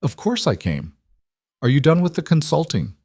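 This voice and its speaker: A man voicing a quiet, grounded single father who speaks calmly and firmly. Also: fairly high pitch, normal speed, creaky, breathy edge, dry recording, studio quality, pitched above the performer's own voice, heavily acted.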